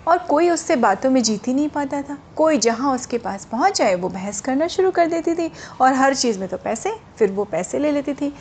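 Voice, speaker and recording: ऊँची आवाज़ वाली कहानी सुनाने वाली महिला. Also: female voice, a little high, a little mellow, slight background noise. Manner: chatty, with asides to the children. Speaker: storyteller for children. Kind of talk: storytelling narration.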